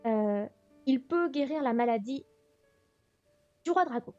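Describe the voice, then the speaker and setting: A woman's voice: high-pitched, animated, a little slow, dark tone, no room sound. A woman teaching a beginner language class on a livestream, thinking aloud with lots of fillers. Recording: dull lo-fi stream audio, faint music.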